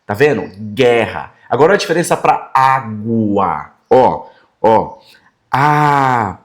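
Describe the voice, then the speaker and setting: A man with a Brazilian Portuguese accent teaching a grammar lesson, sounding out words slowly and checking in with students every few phrases. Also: mid-range voice, expressive. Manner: friendly, checks in often with quick tags like "fechou?" and "tá?"; sounds out words slowly and repeats them for emphasis.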